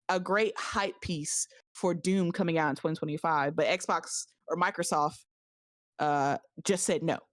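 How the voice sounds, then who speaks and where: A woman with a slightly low voice and a dry sound with little room in it. She rants casually as a podcast host, animated and exasperated, stumbling over words and repeating phrases as she argues her point. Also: no echo. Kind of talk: casual opinionated gaming podcast chat.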